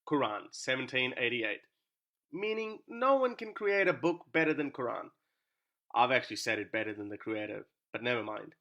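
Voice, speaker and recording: In lo-fi sound, a YouTube commentator whose native language is Urdu reads a scripted, argumentative monologue peppered with sarcastic rhetorical questions. His mid-range voice is animated, pushed and bright, at a moderate pace.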